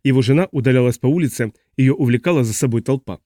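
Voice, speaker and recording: Male audiobook narrator, steady novel read, dry close sound. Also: medium pitch, quick pace, dry recording. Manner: steady, even reading. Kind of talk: scripted narration.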